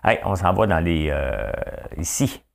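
A man's voice: deep voice, big pitch swings, measured pace, gravelly. A man in his fifties with a Quebec French accent, hosting in a chatty, joking way and asking his audience questions. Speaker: host. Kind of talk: casual chat presenting trivia.

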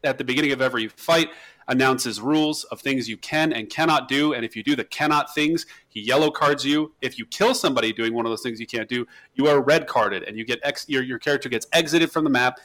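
A man co-hosting a podcast, chatting casually about video games, animated and ranting, often restarting his words. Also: medium pitch, a little fast. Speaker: podcast co-host.

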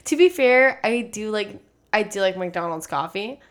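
She's a twenty-something podcast co-host from Texas, bantering with chatty, joking exclamations in an American accent. The medium-pitched voice has lively intonation and a measured pace.

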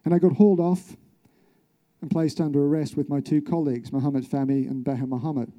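With a fairly high, mellow voice and fairly even intonation, this Australian man talks a little fast. As a journalist giving a public talk, he reflects earnestly on his personal story and raises rhetorical questions.

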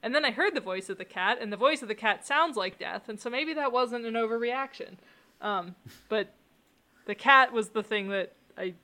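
A woman's voice: on the high side, normal speed, bright, forceful tone. A woman appearing as a guest on a film review podcast, talking casually with wry, vivid complaints. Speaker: special guest.

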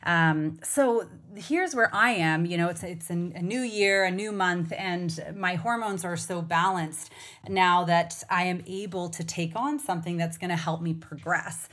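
A woman's voice: fairly low pitch, a little slow, a bit bright. A woman in her forties with a slight Canadian accent, chatting casually as a podcast host, rambling with lots of fillers and restarts. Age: 40s. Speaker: podcast host and hormone coach.

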